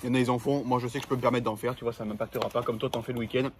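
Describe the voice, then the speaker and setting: A young man, hosting a casual vlog with loud, slangy chat. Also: mid-range voice, flat delivery, rapid-fire, background noise. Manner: slangy, loud and hyped, talking to camera. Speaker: vlogger. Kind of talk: casual chat while eating. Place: in a car, then at a table eating.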